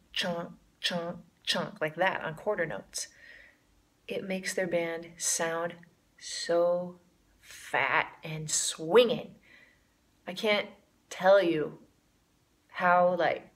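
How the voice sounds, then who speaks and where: Enthusiastic woman teaching a jazz lesson. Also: mid-range voice. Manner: enthusiastic, chants rhythmic syllables to demonstrate beats. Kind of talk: casual video lesson to camera.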